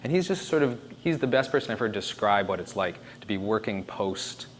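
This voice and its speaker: A man with a lowish, expressive voice talks briskly through an informal presentation on disaster planning. He sounds conversational and emphatic, thinking aloud as he goes, with faint noise in the background.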